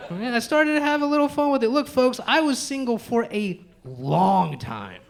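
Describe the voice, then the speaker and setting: A man's voice: high voice, fairly bright tone. A man from the United States doing a live stand-up set in a comedy club, profane and talking straight to the crowd as folks.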